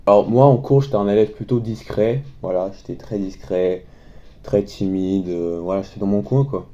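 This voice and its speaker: A man's voice: lowish voice, moderate pace, mellow, dull audio. A nineteen-year-old man from France answering interview questions hesitantly and shyly, with many fillers. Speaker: guest, YouTuber.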